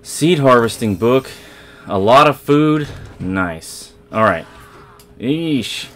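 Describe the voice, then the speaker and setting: A man's voice: mid-range voice, lively intonation, slow, fairly bright tone, a little hiss or hum. A man hosting a let's play, chatting casually to viewers as he plays, rambling and correcting himself as he goes. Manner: rambling, self-correcting, talks to viewers while playing. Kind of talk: casual gameplay commentary.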